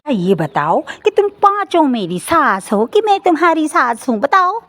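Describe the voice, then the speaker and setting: A woman voicing a harsh, taunting mother-in-law who shouts at her daughters-in-law in an animated story. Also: mid-range voice, unhurried. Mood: scolding.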